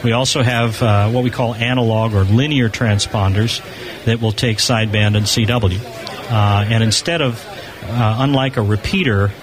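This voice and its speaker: Crowd chatter fills the background as an American spokesman for an amateur satellite organization is interviewed at a convention exhibition booth. Speaking at normal speed in a fairly low voice, he explains things in an informal, enthusiastic way.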